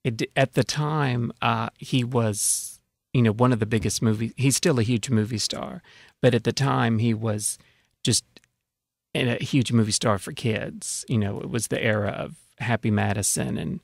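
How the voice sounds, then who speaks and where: A man's voice: mid-range voice, normal speed, vocal fry, no room sound, studio quality. A man talking casually as an author being interviewed on public radio, explaining things with frequent conversational filler phrases. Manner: explanatory, peppers talk with "you know".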